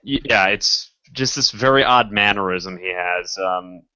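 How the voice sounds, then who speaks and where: A man's voice: deep voice, unhurried, sharp tone, smooth, highs cut off. Hesitant man running a tabletop game. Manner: hesitant, many ums and restarts. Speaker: game master. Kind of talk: narrating a tabletop game over voice chat.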